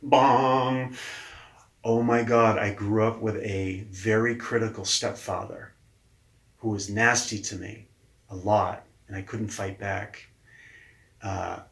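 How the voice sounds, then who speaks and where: Animated low-voiced man in an echoey room. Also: unhurried, creaky. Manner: animated, mildly profane storyteller. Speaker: guest, leadership coach. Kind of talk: casual storytelling in conversation.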